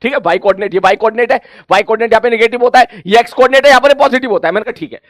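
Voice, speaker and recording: High-voiced man teaching physics. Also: rapid-fire, no room sound, studio quality. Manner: chatty, quizzes himself in students' voices and answers; addresses students familiarly as brother and child. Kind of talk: coaching class lecture.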